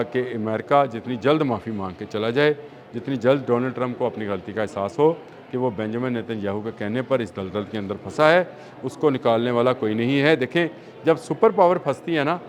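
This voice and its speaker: A man's voice: mid-range voice, moderate pace. A man with a Pakistani Urdu accent giving emphatic, repetitive news analysis in a studio discussion, with hesitant fillers.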